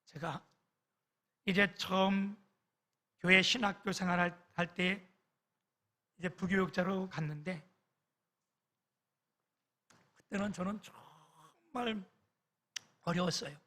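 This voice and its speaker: A man's voice: high-pitched, fairly even intonation, slow, long pauses, bright, forceful tone. A middle-aged male pastor preaching a sermon, telling a personal story with emotional swings and acted-out quotes.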